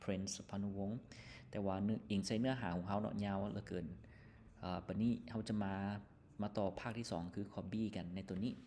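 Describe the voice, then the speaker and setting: A male teacher with a Lao accent explaining an English textbook lesson, reading English words slowly, then explaining them quickly with many fillers. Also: fairly low pitch, fairly even intonation, warm tone, slight background noise.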